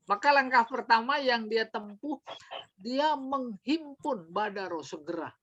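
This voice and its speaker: A woman teaching a study lesson, explaining slowly and quizzing her class with questions. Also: a little high, slightly rough. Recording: dull lo-fi recording.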